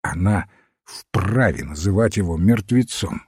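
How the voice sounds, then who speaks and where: A gruff, grumbling old general, voiced by a male reader, slow and mellow. The voice is husky and lively in its rises and falls, recorded close and dry. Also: low voice, no room sound, pitched below the performer's own voice, exaggerated voice. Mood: confiding.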